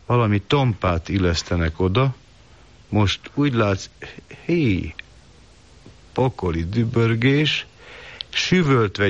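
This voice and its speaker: A man reading a first-person literary story in a measured, calm, reflective way, on a dull lo-fi recording. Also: on the low side. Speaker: narrator.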